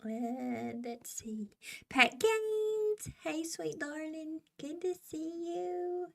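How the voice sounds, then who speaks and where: A woman's voice: high voice, extremely slow, vocal fry, fairly bright tone. A woman hosting a live stream in casual chat, greeting her viewers affectionately as darling. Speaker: livestream host.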